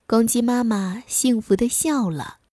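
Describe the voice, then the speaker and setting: A woman narrating a bedtime story for children in a gentle, unhurried way. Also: fairly high pitch, dry recording, clean studio sound.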